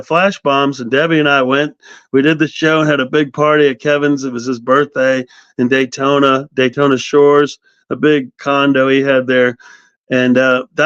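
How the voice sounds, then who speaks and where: Man in his fifties, animated storyteller, middle pitch, dry dull call audio. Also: no echo. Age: 50s. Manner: animated storyteller, quotes others. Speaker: guest. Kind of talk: casual storytelling interview. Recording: dry, slightly dull sound.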